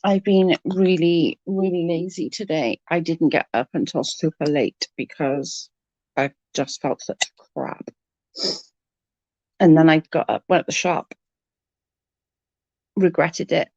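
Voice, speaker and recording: Congested and coughing, this livestream host's voice sits low with a darkish tone and is beginning to give out. She talks slowly with long pauses, casually chatting with live viewers and saying hello to them by name. There's no room sound, and the highs are cut off.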